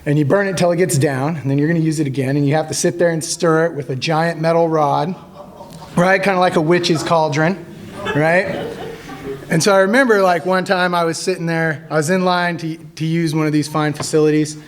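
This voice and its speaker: A man in his thirties, an army veteran, telling stories casually to a group, joking and halting with many fillers. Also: a little high. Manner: jokey, animated when acting out quotes.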